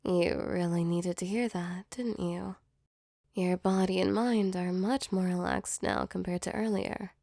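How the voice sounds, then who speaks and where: Creaky, tender demon comforter played by a woman. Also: on the low side, fairly even intonation, a little slow, warm tone, no room sound, clean studio sound. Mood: tender, teasing. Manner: soothing, tender, reassuring. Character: gentle female sleep paralysis demon, affectionate and protective. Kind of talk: ASMR comfort roleplay, soft intimate acting.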